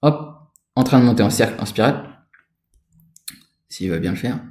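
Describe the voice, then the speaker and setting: A man's voice: fairly low pitch, moderate pace, dark tone. Rambling man teaching in an echoey room. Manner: informal, rambling, addresses listener directly as tu. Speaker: spiritual energy instructor. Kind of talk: casual spoken lesson.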